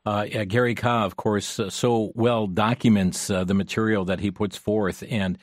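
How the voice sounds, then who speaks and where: Smooth, low-voiced male talk radio host. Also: dry recording, studio quality. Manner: smooth radio host delivery, steady and unhurried with frequent "uh" fillers. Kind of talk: talk radio hosting, taking listener calls. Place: radio studio. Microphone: studio microphone.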